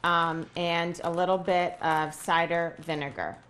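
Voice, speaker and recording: A woman co-hosting a casual comedy cooking segment, giving quiet, dry, brief answers. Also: lowish voice, fairly even intonation, unhurried, slight background noise. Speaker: co-host of a mock cooking segment.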